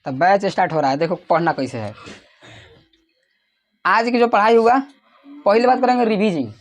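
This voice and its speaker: A man with a Bihari Hindi accent teaching a class, calling out questions for the students to answer together and sometimes raising his voice almost to a shout. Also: sits high, moderate pace. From Bihar, India. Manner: raises his voice to a near shout at times. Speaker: coaching teacher.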